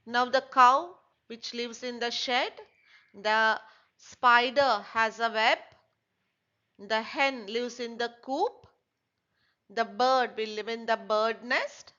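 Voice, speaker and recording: A female teacher takes young children through a textbook lesson very slowly, posing questions and then answering them herself. Her voice is bright and rather high, and the recording has a slightly dull sound.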